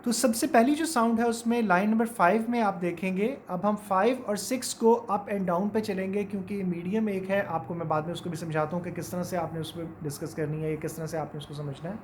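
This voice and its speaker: A man's voice: sits high, brisk, hardly any pauses, a little hiss or hum. A man with a Pakistani accent teaching English pronunciation, explaining casually and mixing English words into his talk. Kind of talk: informal spoken lesson.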